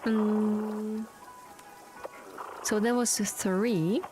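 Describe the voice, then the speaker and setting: Woman streamer, casual playful chat during a cozy game, unhurried pace, music bed. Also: medium pitch, fairly even intonation. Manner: playful, chatty, reads lines aloud. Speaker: gaming streamer. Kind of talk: casual gameplay commentary.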